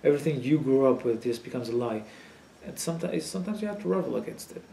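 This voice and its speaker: A young Palestinian man answers interview questions at a quick pace, his mid-range voice animated, gravelly, and dark. His casual talk is frank and full of fillers, with the occasional curse when he gets riled. The recording has an echoey room and faint background noise.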